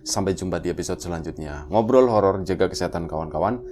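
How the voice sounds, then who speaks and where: A man hosting a horror podcast, speaking calmly and wrapping up the episode with a formal sign-off. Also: deep voice, fast, a little hiss or hum. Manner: calm, brief listener responses, then a formal closing. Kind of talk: casual chat and show sign-off.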